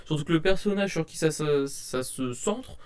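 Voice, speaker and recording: A man's voice: fairly high pitch, lively intonation, moderate pace, clear, resonant tone. A young man casually rambling through his manga purchases at his desk, hesitant with many fillers and restarts. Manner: self-described shy. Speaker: manga collector showing purchases. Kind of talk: casual haul vlog to camera. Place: at home at a desk. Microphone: desk webcam.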